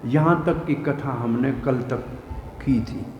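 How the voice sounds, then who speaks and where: A man's voice: mid-range voice, slow pace, darkish tone, lo-fi sound. A man giving a devotional scripture discourse as a preacher, telling the story vividly, acting out its scenes and explaining the verses. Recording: echoey hall with faint noise.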